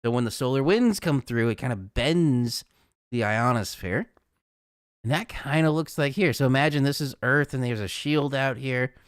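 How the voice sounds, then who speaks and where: A man's voice: medium pitch, normal speed, clean tone, dry recording, studio quality. A man hosting a casual live weather forecast, chatty and rambling, who laughs at his own jokes.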